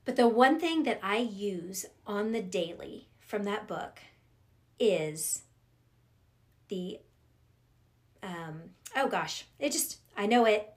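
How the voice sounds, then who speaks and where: A middle-aged woman chatting as a podcast guest, expressive and lively as she acts out her own thoughts. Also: medium pitch, slow, pauses often. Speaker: podcast guest, professional coach. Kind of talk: casual conversation.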